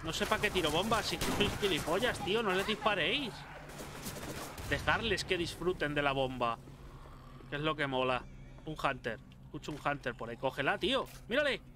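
A man from Spain talking through a zombie game, excitable and cursing freely as he jokes about what he finds. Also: on the high side, moderate pace, slight background noise. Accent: Spain Spanish. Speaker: gameplay commentator. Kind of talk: casual let's-play commentary.

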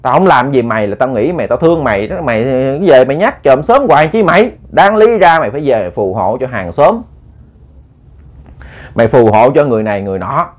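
A man's voice: medium pitch, animated, brisk, lightly acted. A man voicing an older charm-master who lectures a ghost firmly. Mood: lecturing. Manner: firm, lecturing.

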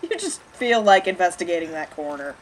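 Dry, teasing gamer with a lively voice. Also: medium pitch, brisk, poor audio. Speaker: let's play co-host. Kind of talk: casual gameplay banter. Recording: home gaming recording with clear background noise.

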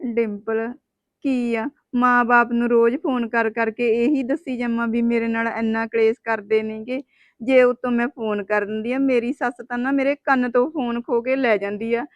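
A woman's voice: a little high, steady tone, moderate pace, no echo, highs cut off, natural voice. A woman playing an unhappy young wife with three daughters who pours out her troubles in a plaintive, complaining manner. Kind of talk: web drama acting.

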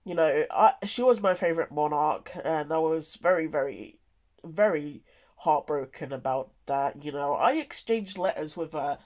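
A content creator giving a casual, halting and rambling update, sounding tired and nasally congested from a cold. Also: mid-range voice, a little mellow.

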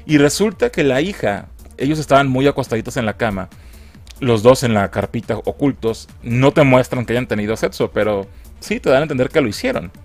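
Young Mexican man, film reviewer, crude mocking recap, very lively pitch, faint music bed. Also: a little fast. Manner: crude, mocking slang, lively put-on character voices.

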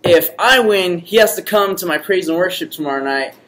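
A man's voice: high voice, animated, a little fast, a bit bright. A young man chatting casually to camera in a gross jelly bean eating challenge, sounding disgusted. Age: young adult. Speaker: challenge host and contestant. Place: large indoor common room. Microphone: camera mic at arm's length. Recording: noisy room, camera microphone.

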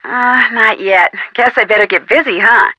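In this scripted adventure game line, a young woman with an American accent plays a friendly, inquisitive amateur sleuth, chatting politely and casually as if on the phone. Her pitch sits fairly high, her pace is normal and her tone is sharp. The recording is dry and dull.

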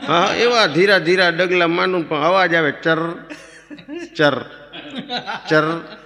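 A male stand-up comedian, telling a comic story in a folksy, animated way. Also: sits high, moderate pace. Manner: folksy, animated, playing to the laughs. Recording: live hall reverb.

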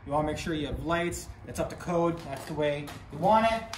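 A young adult Canadian real estate investor speaks briskly at a fairly high pitch, walking viewers through his renovation with a little hiss or hum in the audio. The empty apartment echoes, and another person holds the camera a few steps away. He chats cheerfully, calling his audience guys throughout.

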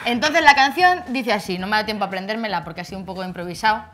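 A woman with a Spanish accent, a pharmacist guest, joking around and breaking into slow improvised songs. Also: mid-range voice, fairly bright tone, soft background music. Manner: jokey, teasing, sings slowly in a mock tune. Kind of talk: playful chat with improvised singing.

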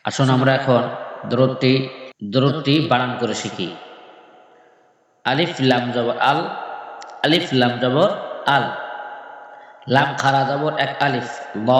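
A man teaching a religious recitation syllable by syllable, spelling each sound slowly and repeating every step. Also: mid-range voice, fairly bright tone. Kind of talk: slow spelled-out recitation lesson. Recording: echoey hall with long reverb.

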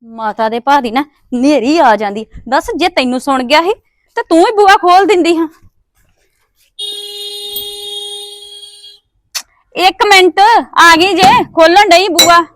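Woman playing a young village wife, highish voice, dry sound, blunt and pushy, looking out for herself, family drama. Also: a little fast, no room sound, lightly acted. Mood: annoyed. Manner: persuasive, blunt. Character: pragmatic, self-interested married village woman. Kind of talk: acted family drama dialogue.

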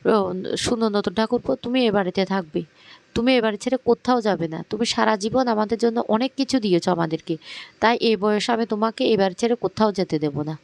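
A man's voice: high-pitched, quick pace, creaky, no room sound. A man voicing a hurt, stern middle-aged mother who speaks with firm, emotional reproach. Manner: pleading then stern.

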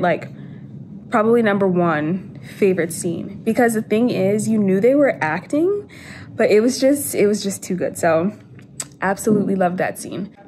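A young woman vlogging as she reads, chatting casually and excitably, full of "like" and gushing reactions. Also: mid-range voice, slight background noise. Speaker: book vlogger. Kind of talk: casual reading vlog chat. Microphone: filming herself on camera.

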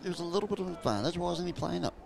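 A man's voice: sits high, very fast, vocal fry, crowd noise. Chatty New Zealand rugby commentator, man. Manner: chatty, jokey, bursts into excited shouting at big plays. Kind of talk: live sports commentary. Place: outdoor rugby ground.

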